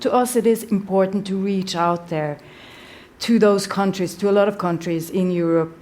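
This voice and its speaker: A woman's voice: fairly low pitch, a little mellow. A woman, a podcast host earnestly answering audience questions at a live event.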